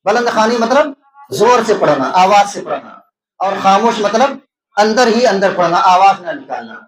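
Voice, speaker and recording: A man's voice: high-pitched, sing-song, crowd noise. A man with an Indian Urdu accent gives an exam-prep lecture as a teacher. He asks questions and answers them himself, repeating key terms to explain them. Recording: echoey room.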